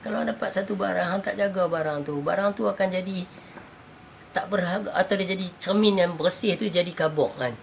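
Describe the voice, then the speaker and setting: Animated storytelling man with a Northern Malaysian accent. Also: sits high, fairly quick, gravelly, slight background noise. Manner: animated storyteller, acts out quotes, laughs often. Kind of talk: casual storytelling chat.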